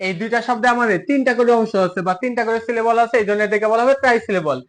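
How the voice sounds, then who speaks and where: A man's voice: very high-pitched, very fast. A male English teacher giving a classroom lesson, asking questions and answering them himself, and spelling words out syllable by syllable.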